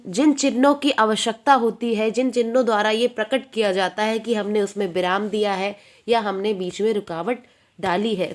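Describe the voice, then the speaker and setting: A woman teacher giving an exam-prep lesson, repeating points and answering her own questions. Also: fairly high pitch.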